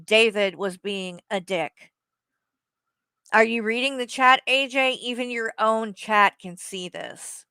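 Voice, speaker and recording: Woman, live reaction stream, blunt and profane, slow delivery, smooth clear voice. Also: a little high, sharp tone, no room sound. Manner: blunt, profane, addresses someone directly. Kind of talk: heated live commentary.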